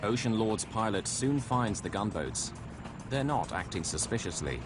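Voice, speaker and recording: A man's voice: on the low side, expressive, moderate pace. A man reading dramatic scripted documentary narration as a voice-over. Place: voice-over recording. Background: music.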